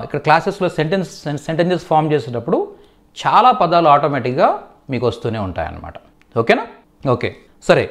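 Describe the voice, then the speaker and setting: A man with a Telugu accent teaching Hindi in a live online class. He repeats each word slowly and reads out his students' names with praise. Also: a little high. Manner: slow, repeats words for learners to copy.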